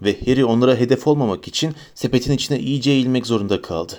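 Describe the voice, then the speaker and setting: A man reading a fantasy audiobook aloud with expressive storytelling. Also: medium pitch, fast. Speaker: narrator.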